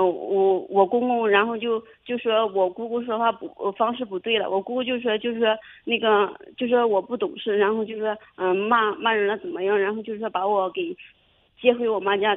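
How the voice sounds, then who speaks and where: A young woman calling in to a radio advice show, telling her story haltingly with many restarts. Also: medium pitch. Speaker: caller. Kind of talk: phone-in advice call. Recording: tinny phone line.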